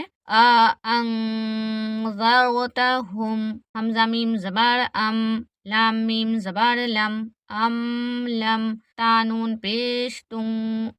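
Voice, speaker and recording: Female Quran teacher, fairly high and level, slow letter-by-letter spelling, dry close recording. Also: a bit bright, smooth, no room sound. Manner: spells each letter with its vowel mark, then blends the word; explains reading rules quickly between recitations. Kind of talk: slow letter-by-letter recitation lesson.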